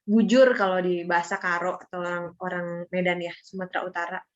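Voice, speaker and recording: A woman's voice: on the low side, steady tone, fast. Chatty young woman explaining, lo-fi sound. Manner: chatty, with many fillers and tag words. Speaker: student presenter. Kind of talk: casual explanatory presentation.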